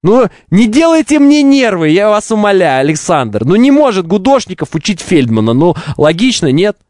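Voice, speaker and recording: A man's voice: high voice, very animated, moderate pace, a little mellow, dry recording, clean studio sound, voice pushed up. A man putting on an as a theatrically exasperated, wheedling man in a live talk. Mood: mock pleading.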